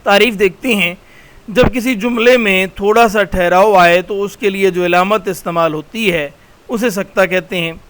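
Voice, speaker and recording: Teacher, male, middle-aged, Pakistani Urdu accent; high, clear voice, patient explanatory lecture manner. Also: fairly even intonation, normal speed, a bit bright. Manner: patient, explanatory, repeats key terms. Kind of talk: recorded slide lecture.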